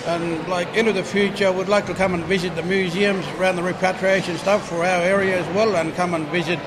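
A man's voice: sits high, little pitch movement, brisk. A man working as a live interpreter, relaying another speaker's words in a loose, conversational way with fillers. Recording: outdoor street noise behind.

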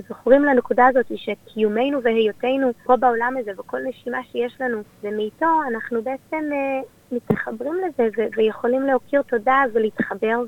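A woman's voice: fairly high pitch, dry recording. A woman with an Israeli accent, speaking as a community leader and guest in a conversational, explanatory radio interview. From born in Australia, raised there and in Israel. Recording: dull, lo-fi radio sound.

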